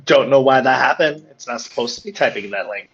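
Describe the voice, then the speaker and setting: A man playing a tabletop game who explains his plans and the rules while thinking out loud. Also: medium pitch, fast talker, dull audio. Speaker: player. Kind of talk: casual tabletop play.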